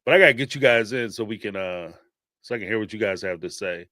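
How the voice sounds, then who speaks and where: A Philadelphia man from the Northeastern US hosts a live-stream show and takes call-ins, talking in a lowish voice at a quick clip. He's animated and rambling, laughing often and using lots of fillers. The recording is dry with clean studio sound.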